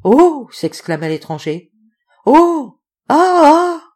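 An excitable gentleman magistrate, put on by a woman narrator, easily alarmed. His exclamations leap high and loud, and his voice swings widely as he marvels and recoils. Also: moderate pace, slightly rough, exaggerated voice.

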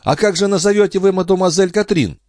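A man reading a young, naive peasant lad in an audiobook, earnest and excitable, always polite and always hungry. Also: high voice, quick pace, no room sound, clean studio sound, voice pushed up, natural voice. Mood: flustered protest.

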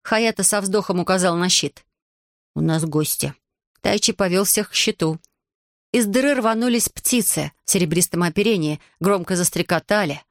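A woman reading a fantasy audiobook in an even storytelling manner. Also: medium pitch, normal speed, no room sound, studio quality. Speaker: audiobook narrator. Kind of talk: scripted fantasy audiobook narration.

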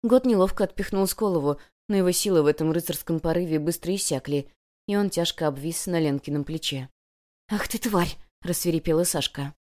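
A woman narrating an audiobook in an expressive, dramatic way. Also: low voice, fairly quick.

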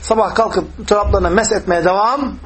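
A man's voice: high voice, normal speed, fairly bright tone, low-quality recording. A man teaching a hadith lesson, explaining step by step, asking his class questions, and reciting Arabic passages. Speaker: religious teacher.

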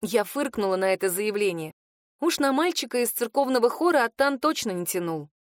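A woman narrating a first-person novel as an audiobook, lively and expressive. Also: a little high, fairly quick, no echo, clean studio sound.

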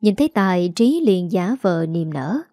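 Mellow woman narrating a story. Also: lowish voice, lively intonation, normal speed, dry recording, studio quality. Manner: dramatic storytelling.

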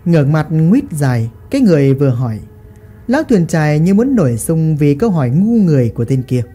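Expressive woman telling a ghost story. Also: deep voice, fairly quick, breathy edge, soft background music.

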